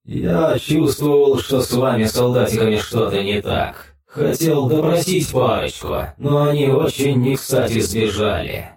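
A man voicing an unhinged male ex-soldier speaking from inside a war mech, his voice metallic and booming, slow and menacing with nervous chuckles. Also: animated, a little mellow. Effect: metallic echoing mech-suit voice. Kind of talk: audiobook character voice. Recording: heavy echo, distant from the mic.

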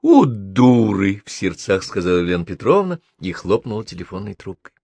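A man reading a novel aloud as an audiobook narrator, with expressive storytelling. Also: sits low, quick pace, no room sound. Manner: expressive storytelling with acted dialogue.

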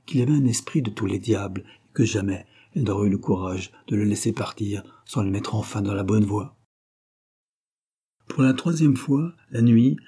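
A man reads a classic novel aloud in measured, expressive audiobook narration. His voice is low, dark and husky.

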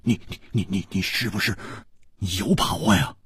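A man's voice: on the low side, normal speed, breathy edge, no echo, voice pushed down. A man voicing a hot-tempered young male swordsman who bursts out and stammers in a storybook tale. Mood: anxious. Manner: loud, stammering outbursts.

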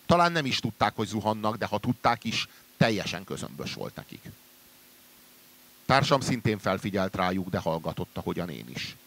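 A man reading a literary story aloud in a measured way, trailing low and quiet at the ends of sentences. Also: sing-song. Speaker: reader.

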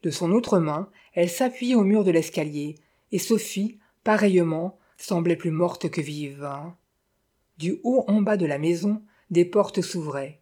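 A woman reading a detective novel aloud in a measured, steady storytelling manner. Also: on the low side. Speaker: audiobook reader. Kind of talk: scripted novel narration.

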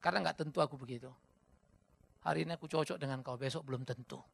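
A male pastor preaching a sermon in a fiery, conversational way, swinging between quiet asides and loud emphasis. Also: fairly high pitch, fast talker, creaky, husky.

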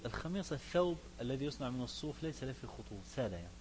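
Against a noisy background, a medium-pitched man with an Egyptian accent delivers rapid-fire speech full of lively intonation. He is a sheikh teaching a fiqh book, mixing classical recitation with colloquial asides and directing questions at his students.

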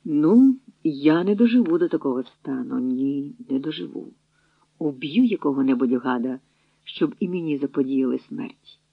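A man's voice: fairly high pitch, lively intonation, normal speed, vocal fry, no room sound, pitched below the performer's own voice. A narrator doing a grim, desperate young male captive. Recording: dry, tinny phone-like audio.

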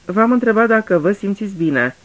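A man's voice: high voice, lively intonation, fairly bright tone, voice pushed up. A man voicing Poirot, a fussy, courteous older detective, in a radio drama reading, talking patiently like a teacher. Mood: courteous probing. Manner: polite, patient, explaining like a teacher.

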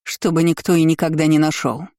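An imperious, scheming empress of middle years who sneers and barks orders at her servants, as a male narrator puts her on. The tone is mellow and the sound dry and close. Heard in an audiobook reading. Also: fairly high pitch, flat delivery, brisk, dry recording, lightly acted. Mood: gloating. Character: spiteful scheming middle-aged empress, woman.

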